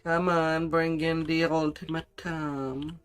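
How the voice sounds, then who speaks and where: A man's voice: fairly high pitch, little pitch movement, takes it slowly, a bit bright, clear, resonant tone, faint music behind. A man giving casual gameplay commentary as he plays, in short offhand remarks. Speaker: game player.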